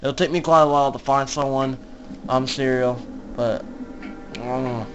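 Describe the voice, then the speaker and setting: A young man casually commenting on a game he is playing, laughing a lot and shouting in panic when scared. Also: medium pitch, steady tone, normal speed, muffled recording, faint music behind. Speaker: gamer.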